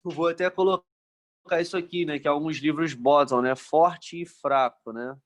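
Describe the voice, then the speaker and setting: A man's voice: a little high, steady tone, moderate pace. A man from Brazil, teaching a physics lesson in a casual, joking way and checking in with the class after nearly every phrase.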